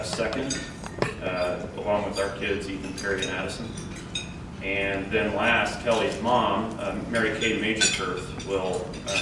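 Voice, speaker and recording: A man introducing guests at a club meeting, speaking haltingly with many fillers. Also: fairly low pitch. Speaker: youth exchange officer. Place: large meeting hall during a lunch. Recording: echoey hall, distant mic, crowd noise.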